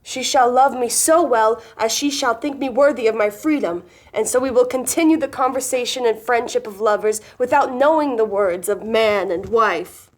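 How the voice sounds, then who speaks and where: A gallant young gentleman lover from a Restoration comedy, played by a woman, speaking in a fairly high voice. The lines are mannered and earnest, with wry reproof and courtly period phrasing. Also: normal speed, few pauses, close to an everyday voice.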